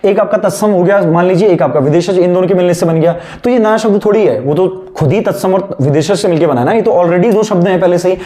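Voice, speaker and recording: Mellow-voiced Hindi teacher quizzing his class. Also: high voice, fast talker, few pauses. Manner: asks questions and answers them himself, repeats key terms for dictation. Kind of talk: classroom lecture with call-and-response questions.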